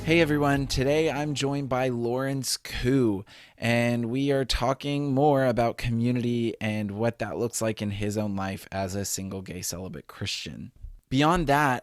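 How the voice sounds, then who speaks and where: Male podcast host, mid-pitched, upbeat and friendly, close dry recording. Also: no echo. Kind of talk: podcast intro and interviewing.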